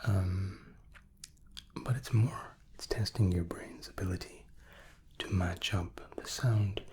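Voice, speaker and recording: In an ASMR roleplay, a man plays an examiner, whispering and speaking softly in a low register. He reassures gently and repeats his words.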